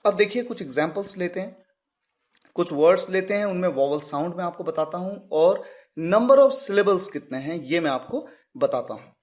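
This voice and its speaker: A man's voice: sits high, lively intonation, moderate pace, a little mellow. A man teaching an English grammar lesson. He spells words out letter by letter and answers his own questions. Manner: poses questions and answers them himself.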